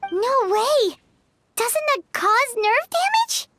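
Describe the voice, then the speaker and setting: A woman voicing a tiny, excitable childlike sprite girl in an anime game, squeaky and exclaiming, with music behind her. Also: takes it slowly, heavily acted. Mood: shocked.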